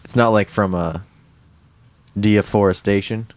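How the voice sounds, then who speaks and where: A man's voice: on the low side, steady tone, measured pace, no room sound. A man co-hosting a casual podcast chat from a parking lot, laughing often and explaining things loosely. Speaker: podcast co-host. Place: parking lot near a van.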